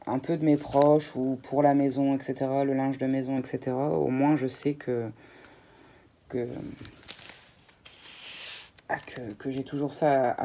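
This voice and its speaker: A woman's voice: extremely low pitch, mellow, slight background noise. A woman chatting casually to her viewers while unboxing beauty products, with frequent fillers and restarts. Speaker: beauty vlogger.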